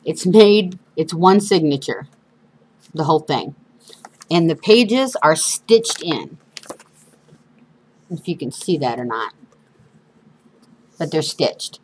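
A woman's voice: deep voice, expressive, slow, pauses often, a little hiss or hum, poor audio. A woman with whistling sibilants from missing front teeth, hosting a casual, chatty craft demonstration with informal, self-deprecating asides. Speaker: craft show host. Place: indoors at a craft table.

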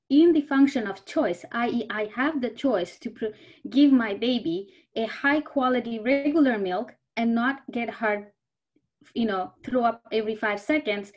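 A woman in her thirties from Bangladesh talks on an online panel in a fairly high voice. She tells a personal story with earnest weight. Her voice comes through a video call. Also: darkish tone, dull audio. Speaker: panelist, food security researcher. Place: indoors before a virtual backdrop.

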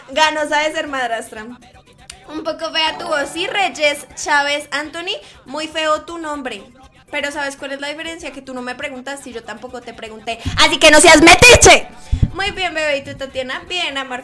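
Squeaky-voiced young woman streaming. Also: bright, forceful tone. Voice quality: high squeaky voice. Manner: chatty, giggly, teasing. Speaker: live streamer reading chat. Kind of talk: casual live-stream chat.

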